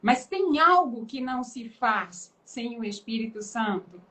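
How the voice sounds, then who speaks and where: A woman pastor with a Brazilian Portuguese accent, appearing as a guest, preaches and gives an emphatic, dramatic testimony in a live conversation, bringing quoted voices to life. Her voice sits on the high side and she speaks unhurriedly. The recording is rough.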